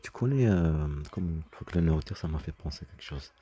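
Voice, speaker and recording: A man's voice: rumbling low, lively intonation, fairly quick, dark tone, husky. A man talking in a rambling personal monologue, agitated and often stumbling over and repeating his words. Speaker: vlogger.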